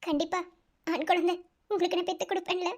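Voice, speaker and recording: A woman with a Madurai Tamil accent voicing a tender young wife and mother in a cartoon, soft and tearful. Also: very high voice, little pitch movement, fast. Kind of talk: cartoon voice acting.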